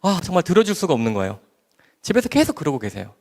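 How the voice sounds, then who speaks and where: A man's voice: fairly high pitch, quick pace. A man, a doctor, giving an emotional church testimony in a large hall. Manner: emotional, animated storytelling. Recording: long hall reverb.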